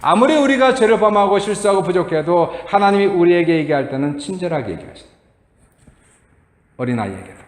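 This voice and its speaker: Middle-aged pastor guy preaching, animated and bouncy, telling stories, big echoey church room. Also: high voice, a little fast. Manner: animated storytelling, acting out quotes, chuckling. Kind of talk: sermon. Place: church sanctuary.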